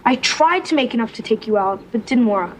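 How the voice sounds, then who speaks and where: An awkward teenage boy rambles through excuses. His voice sits high and unbroken. A clear hiss runs under this old TV recording. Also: animated, a little fast, poor audio. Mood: sheepish. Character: sheepish teenage boy short on money. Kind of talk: sitcom acting.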